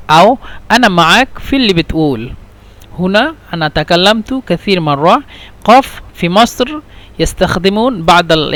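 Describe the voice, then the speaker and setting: A man teaching a language lesson, explaining slowly and repeating phrases, switching between Arabic and English. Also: on the high side, fairly bright tone. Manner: slow, repetitive explanations mixing Arabic and English.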